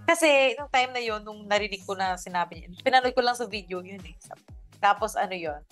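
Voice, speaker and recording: A young Filipina singer co-hosting, bubbly and animated as she chats in a mix of Tagalog and English. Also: medium pitch, faint music behind. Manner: bubbly, animated, quick to agree. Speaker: singer and online show co-host. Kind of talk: lively chat mixing Tagalog and English.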